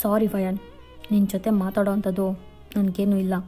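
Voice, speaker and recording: Woman reading a curt young boyfriend, cold and clipped, mellow tone, fan fiction reading. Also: medium pitch, little pitch movement, normal speed, soft background music, natural voice. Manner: curt, dismissive. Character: cold young man breaking up with his girlfriend.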